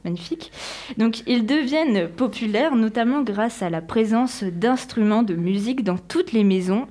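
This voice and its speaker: A woman's voice: mid-range voice, darkish tone. A young woman presenting a radio column in a chatty, self-mocking way, with many fillers. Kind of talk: read radio column with casual asides.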